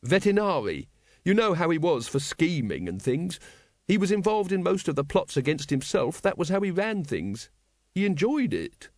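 A man voicing a nervous palace secretary who schemes while sounding placating and earnest. The voice rides higher than the narrator's own, dry and close. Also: very animated, moderate pace, no echo.

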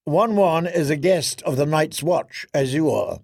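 A man playing an earnest young commander who speaks with measured courtesy. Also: on the high side, expressive, creaky, darkish tone, breathy edge, no room sound, clean studio sound, heavily acted.

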